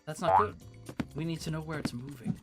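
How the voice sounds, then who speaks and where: A man streaming a game, chatting casually, giggling and breaking into excited shouts. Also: a little high, a little fast, music in the background. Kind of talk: casual gaming stream chat.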